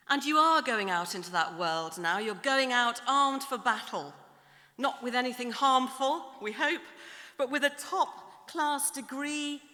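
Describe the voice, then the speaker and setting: Bright-voiced woman addressing a big hall. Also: a little high. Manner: measured, rhetorical, builds lists and repetitions. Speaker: graduation ceremony speaker. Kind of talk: formal ceremonial address. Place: large ceremony hall. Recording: long hall reverb in a large hall.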